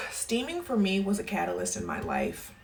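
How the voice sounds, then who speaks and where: Nearly in tears, a woman wellness coach delivers an emphatic motivational talk, checking in with "okay?" after almost every point. Her gravelly, medium-pitched voice swoops wildly in pitch at a normal speed, over a little hiss or hum.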